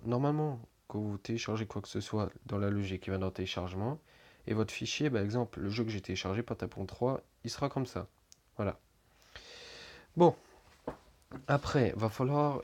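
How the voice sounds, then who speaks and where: Young guy, lowish voice, laid-back how-to narration, rambling and full of filler words, swears now and then. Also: a little mellow. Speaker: tutorial maker. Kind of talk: casual screen-recording tutorial.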